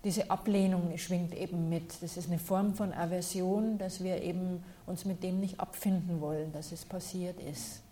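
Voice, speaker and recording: A woman working as a meditation teacher, calmly and patiently answering questions from listeners during a talk. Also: fairly low pitch, moderate pace, few pauses.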